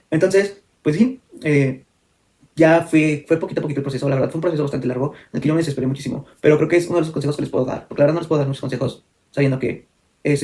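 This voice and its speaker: Fast-talking young man confiding. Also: medium pitch, mellow. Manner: fast, candid, full of fillers and self-corrections. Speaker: vlogger. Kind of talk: personal storytime.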